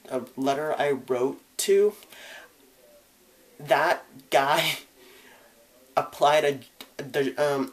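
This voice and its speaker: A young man vlogging, telling a personal story in a casual, chatty way with lots of "like" and "you know". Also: medium pitch.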